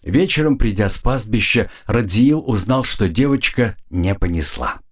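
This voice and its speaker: A man narrating an audiobook in an expressive storytelling manner. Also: on the low side, normal speed. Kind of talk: scripted narration.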